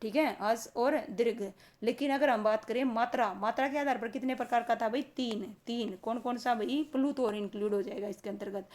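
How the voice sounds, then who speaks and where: A woman with a slightly high, darkish voice teaches grammar to exam students. She keeps posing questions to the class and answering them herself, slowing down to stress key terms.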